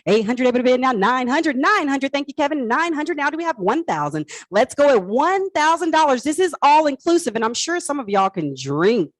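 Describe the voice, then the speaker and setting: A woman with a high, animated voice works a live auction as auctioneer and host. She repeats her bid prompts playfully and chattily, in a dry, close sound. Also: a little fast, hardly any pauses, no echo.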